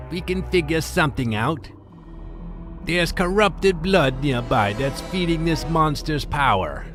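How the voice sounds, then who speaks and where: A man putting on the voice of a grumpy old woman handing out tasks, gruff and brisk. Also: a little high.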